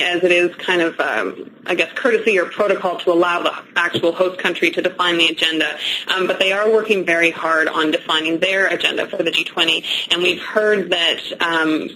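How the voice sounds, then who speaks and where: A man answering as a panelist at a press briefing, measured with pauses. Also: high-pitched, bright, forceful tone, a little hiss or hum, poor audio.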